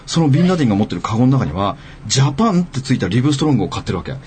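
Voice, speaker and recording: Animated male radio storyteller. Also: medium pitch, rapid-fire, slight background noise. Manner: animated storyteller acting out quotes. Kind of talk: casual radio chat.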